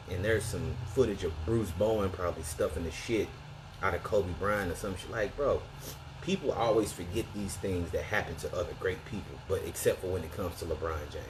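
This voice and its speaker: An American man with a low-pitched voice gives a casual, opinionated rant. His talk is slangy and conversational, with emphatic points. Noticeable steady noise sits behind him.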